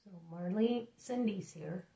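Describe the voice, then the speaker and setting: Slow, plain-spoken woman reading comments. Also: mid-range voice, warm tone. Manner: brief and matter-of-fact, reading comments aloud. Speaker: helper reading viewer comments.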